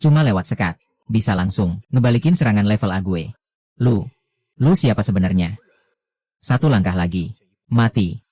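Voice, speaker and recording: A man narrating an anime recap in casual slang, reading every character's lines in one steady voice. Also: lowish voice, normal speed, long pauses.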